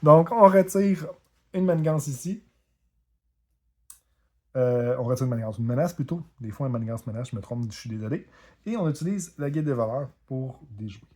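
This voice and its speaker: A man with a Québécois French accent casually commenting on his own card game as he plays, self-deprecating and quick to apologize for his mistakes. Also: mid-range voice, animated, darkish tone. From Quebec. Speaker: board game video host.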